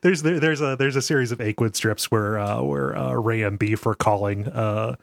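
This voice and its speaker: A man's voice: mid-range voice, normal speed, gravelly, no echo. A man co-hosting a show, casually recapping a game story in an amused way, often chuckling. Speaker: co-host of a video game discussion show.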